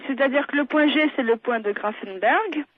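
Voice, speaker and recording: Over a tinny, narrow phone line, a woman doctor with a high-pitched voice explains things at a moderate pace while taking a call. Her manner is matter-of-fact, courteous and didactic.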